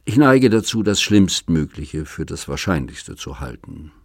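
A man voices a lonely old suitor of nearly eighty, earnest and long-winded as he pleads his case in an audiobook. His voice sits low and husky. The sound is dry and close. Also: big pitch swings, unhurried, dry recording, heavily acted. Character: lonely, talkative man of seventy-seven, courting. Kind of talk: audiobook reading.

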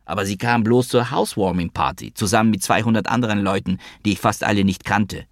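Deep, gravelly male audiobook narrator. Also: quick pace, dry recording, studio quality.

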